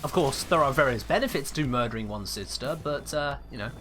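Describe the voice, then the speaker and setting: With faint music behind him, a streamer from England in his twenties games live and casually reads chat messages, pretending to be indignant for fun. He has an English accent and a mid-range, slightly bright voice that moves a little fast with lively intonation.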